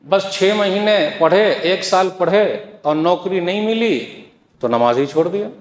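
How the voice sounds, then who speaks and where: A man's voice: high voice, unhurried. A man preaching a Friday sermon, exhorting the listeners with rhetorical questions and quoted scripture. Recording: echoey hall with long reverb.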